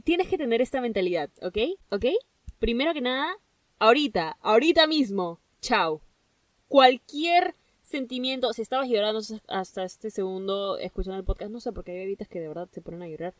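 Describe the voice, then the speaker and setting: A woman's voice: medium pitch, dry recording. Hyped woman podcast host, dry slightly distant mic. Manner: hyped, gushing, peppers speech with English phrases. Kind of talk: casual solo podcast pep talk.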